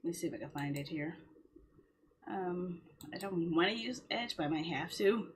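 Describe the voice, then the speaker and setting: A game livestreamer with a lowish voice chats to her viewers at a normal speed. Her casual rambling is mildly complaining and self-justifying, set against steady background noise.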